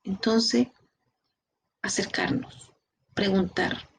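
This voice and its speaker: A woman with a Chilean Spanish accent giving a training lecture, lively, asking her students rhetorical questions. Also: mid-range voice, drawn-out words, creaky, breathy edge. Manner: lively, talks to the class directly with rhetorical questions. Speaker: instructor.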